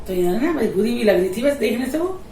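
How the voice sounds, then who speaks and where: A middle-aged woman, a vlogger, chatting in a casual storytelling way, animated and quick to laugh. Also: fairly high pitch, slight background noise. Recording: echoey room, voice a little distant.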